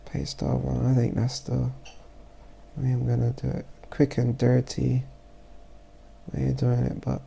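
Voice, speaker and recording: Stuffy, gravelly-voiced man talking slowly. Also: mid-range voice, completely flat delivery, dark tone, slight background noise. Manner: halting, thinking aloud while working. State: stuffy, congested. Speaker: photographer. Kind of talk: casual software tutorial voice-over.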